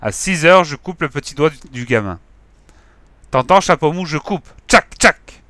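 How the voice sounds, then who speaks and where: A man voicing a nervous, menacing male gang leader who talks in a gruff, threatening way. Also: on the high side, lively intonation, a little slow, bright, forceful tone, no echo, voice pushed up. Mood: irritable.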